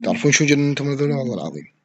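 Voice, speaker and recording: A man with an Iraqi Arabic accent giving live gameplay commentary, excitable, yelling at opponents and swearing as he plays. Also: mid-range voice, rapid-fire, lo-fi sound. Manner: excitable, yells at opponents and swears mid-play. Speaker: gaming streamer.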